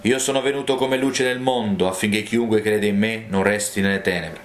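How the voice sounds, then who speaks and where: A man reading the words of Jesus as a calm, earnest adult male teacher. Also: fairly low pitch, brisk, a little hiss or hum, lightly acted. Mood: solemn. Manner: solemn, earnest. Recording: roomy, with faint music.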